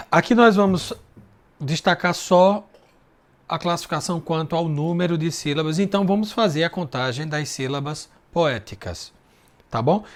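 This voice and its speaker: Slow, patient man scanning verse syllables. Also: fairly high pitch. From Brazil. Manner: slow and patient, drawing out syllables while counting; checks in with tag questions. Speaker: teacher. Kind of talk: recorded literature lesson, scanning verse syllables.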